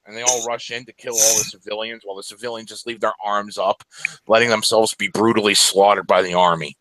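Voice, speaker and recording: A man's voice: little pitch movement, fairly quick, a bit bright, no echo. A man narrating a tabletop game as game master, breaking into crude sung parodies and laughing often. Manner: sings crude parody songs in a high put-on voice, laughs often.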